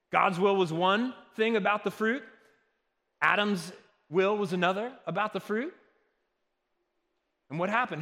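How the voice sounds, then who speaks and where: A male pastor preaching a sermon, earnest, moving between loud emphatic lines and soft, hushed ones. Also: sits high, big-room sound. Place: church.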